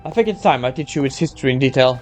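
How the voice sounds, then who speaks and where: A man's voice: medium pitch, lively intonation, faint music behind, close to an everyday voice. Man reading as stern female knight mentor. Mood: instructive. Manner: stern, admonishing, halting. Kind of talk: game story read aloud.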